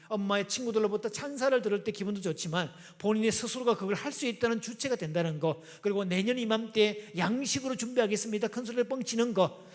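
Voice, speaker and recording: A man, a pastor and psychology lecturer, giving a lively seminar talk to parents, asking the audience questions and acting out quotes. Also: high voice. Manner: asks the audience questions and acts out quotes with dialect jokes. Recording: long reverb of a large hall.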